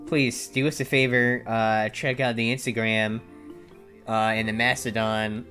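A man's voice: mid-range voice, little pitch movement, unhurried, a bit bright, faint music behind. A man in his mid-twenties co-hosting a casual podcast, dry and easygoing, wrapping up the show. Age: 20s. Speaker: podcast co-host. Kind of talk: casual chat, show wrap-up.

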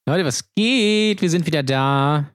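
A man co-hosting a podcast in casual chat, talking in a chatty, halting way. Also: a little high, expressive, no echo, studio quality. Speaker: podcast co-host.

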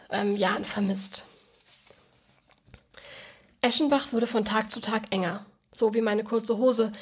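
A woman reading a novel aloud, who also explains the story in a relaxed, casual way with many ums. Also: medium pitch, husky. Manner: relaxed, with many ums when talking freely.

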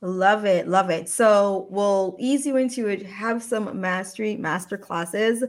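A woman's voice: medium pitch, measured pace. A woman hosting a live-streamed interview show, upbeat and effusive, often laughing. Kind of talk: casual interview chat.

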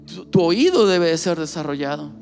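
A man's voice: on the high side, lively intonation, normal speed, faint music behind. A male pastor preaching a sermon with passion, speaking straight to the listener and repeating phrases for emphasis.

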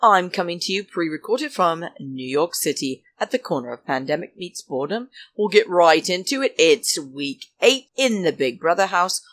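A woman's voice: fairly low pitch, lively intonation, normal speed, few pauses, a bit bright. A woman hosting a solo recap podcast with a campy, theatrical drag-queen manner and sassy, emphatic, indignant commentary. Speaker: podcast host.

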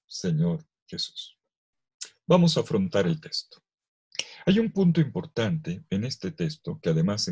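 A priest giving a scripture lesson to clergy, reading aloud with expressive emphasis and acting out the quoted lines. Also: male voice, lowish voice, slightly rough.

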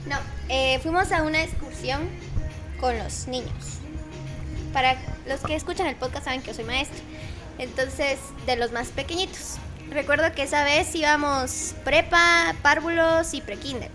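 A woman tells a work story as a podcast guest, in an animated way and quick to laugh. Her voice sits high. Faint music plays underneath. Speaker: kindergarten teacher and podcast guest. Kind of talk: casual storytelling chat.

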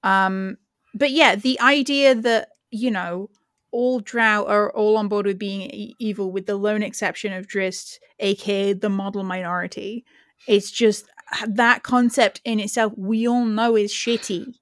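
A woman's voice: medium pitch, steady tone, a little slow, no room sound, clean studio sound. A woman co-hosting a podcast in casual chat, speaking frankly with swearing and frequent laughter. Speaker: podcast co-host.

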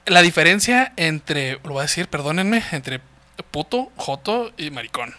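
A man's voice: fairly high pitch, big pitch swings, unhurried, bright, forceful tone. A man with a northern Mexican accent chatting casually as a comedy podcast co-host, slangy, sweary and joking. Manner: slangy, profane, joking banter.

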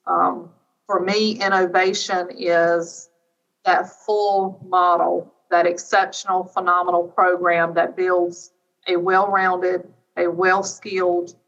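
A middle-aged woman speaks in a low-ish, level voice as an interview guest. She answers earnestly and haltingly in long lists. The recording is a little dull and distant. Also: fairly bright tone. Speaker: educator, podcast guest. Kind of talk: unscripted reflective interview answer. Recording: distant mic, slightly dull sound.

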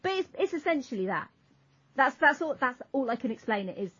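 A woman's voice: sits high, sing-song, brisk, a bit bright, breathy edge. A woman co-hosting a podcast, chatting casually and trailing off as she explains. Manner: rambling, self-interrupting, trailing off. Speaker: podcast co-host. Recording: dull lo-fi audio.

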